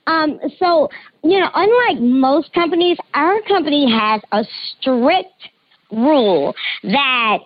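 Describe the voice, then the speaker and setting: A woman calling in to a radio show with a voice changer disguising her voice, telling her confession in a hesitant, halting way. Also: high-pitched, expressive. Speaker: caller. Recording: dull lo-fi call audio.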